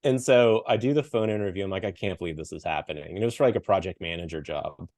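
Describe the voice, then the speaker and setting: This middle-aged man from Western Pennsylvania is a coach and speaker appearing as a podcast guest. In a casual interview he tells a story fast in a deep, darkish voice, acting out the people he quotes and laughing often. There's no echo.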